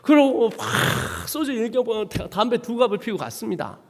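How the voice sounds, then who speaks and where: A man preaching a dramatic testimony sermon as a missionary, swinging from hushed to shouting. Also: very high-pitched, wildly swooping pitch, moderate pace, vocal fry, long reverb tail. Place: church sanctuary.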